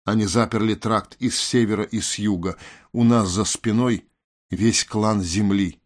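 A young seer girl, nervous and full of guilt, explaining things as if to a slow pupil, played by a male audiobook reader. Her voice sits low and measured. It is a storybook narration. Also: steady tone, close to an everyday voice. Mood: guilty, tense. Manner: apologetic, lecturing. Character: anxious young female seer, guilty and earnest.

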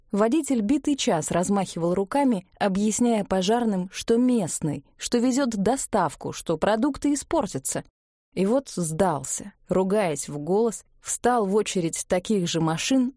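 Mellow-toned female audiobook narrator. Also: mid-range voice, no echo, studio quality. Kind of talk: scripted narration.

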